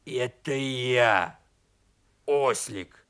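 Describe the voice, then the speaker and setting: A man voicing a timid little male donkey turned into a wolf in a storybook reading, hoarse and growly, bewildered and pleading. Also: medium pitch, drawn-out words, a bit bright, pitched below the performer's own voice.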